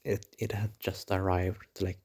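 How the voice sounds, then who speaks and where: A young man rambling casually through a dream log in a hazy, puzzled, halting way, as if piecing it together as he talks. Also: low voice, level tone, a little mellow, husky. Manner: swears casually. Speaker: dream diarist.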